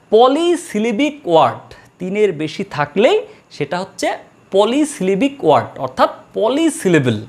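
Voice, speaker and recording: Woman grammar teacher, animated, stretches out each example word for the class. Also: mid-range voice. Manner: slow drawn-out model words, repeated for students. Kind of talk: classroom lesson.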